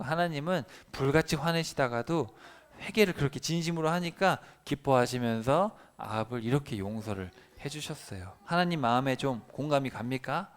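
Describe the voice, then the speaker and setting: Man preaching a children's sermon. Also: medium pitch. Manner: animated storytelling, asks children questions. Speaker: pastor. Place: church.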